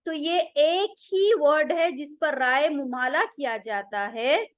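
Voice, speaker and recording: A woman teaching Quran recitation rules, explaining patiently and drilling pronunciations slowly, one sound at a time. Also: high voice, dry recording. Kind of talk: online tajweed lesson.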